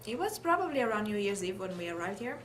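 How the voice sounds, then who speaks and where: Speaking quickly in a sing-song, fairly bright voice of medium pitch, this Italian woman shares personal recollections in an oral history interview. Her Italian accent comes through, and the recording has clear background noise and room ambience.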